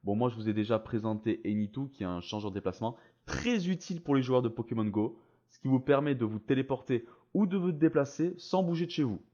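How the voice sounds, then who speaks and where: A man's voice: medium pitch, fast talker, warm tone, lo-fi sound. A man narrating a tutorial in a casual, slangy and enthusiastic way. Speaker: video creator presenting a voice-changer tool.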